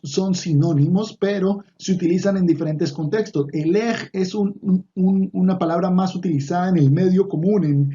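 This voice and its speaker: A man's voice: a little high, mellow, highs cut off. A man teaching an online Hebrew lesson, patiently repeating words with fillers and restarts.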